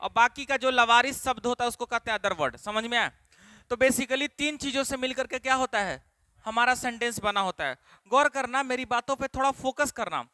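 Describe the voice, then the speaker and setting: Male classroom teacher, high and bright, emphatic drilling delivery, dry close sound. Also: clean tone, dry recording. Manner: repeats questions to drill students; emphatic, stretches key words slowly. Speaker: English teacher. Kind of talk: classroom lesson in Hindi.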